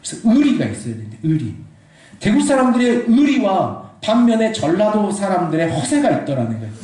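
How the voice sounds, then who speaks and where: A man in his pastoral role, preaching a sermon in a lively storytelling way and slipping into quoted voices. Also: high-pitched, fairly quick. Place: church sanctuary. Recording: echoey hall, distant mic.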